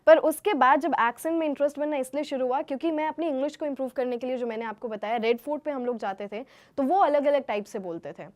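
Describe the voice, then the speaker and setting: Lively young woman from Haryana. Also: high-pitched, fast, hardly any pauses. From Haryana, India. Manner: lively, laughs often, switches between two languages. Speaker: guest. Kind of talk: casual chat mixing Hindi and English.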